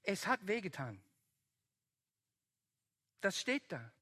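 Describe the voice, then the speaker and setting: A preacher giving a sermon, slow and emphatic, building to loud climaxes. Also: mid-range voice, sing-song, husky.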